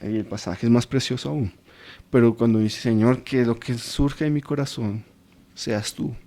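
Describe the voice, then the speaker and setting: A man's voice: medium pitch, normal speed, warm tone. A man teaching a Bible study in an informal, anecdotal way, acting out everyday quotes.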